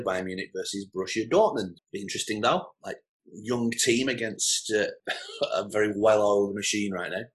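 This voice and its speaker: Low-voiced man hosting sports chat. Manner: runs through the fixtures with relaxed chatty asides. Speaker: show host.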